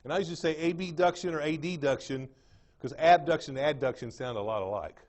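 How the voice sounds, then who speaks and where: A man's voice: a little high, fairly quick, a little mellow. Drawling East Texas man lecturing. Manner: drawling, repeats terms, checks understanding with the class. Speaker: anatomy lecturer. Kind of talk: classroom lecture. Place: lecture room.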